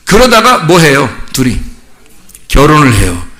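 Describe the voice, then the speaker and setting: A middle-aged male pastor giving a sermon, telling stories animatedly and putting questions to the congregation. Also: moderate pace. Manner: animated storytelling, acts out children's voices in high pitch.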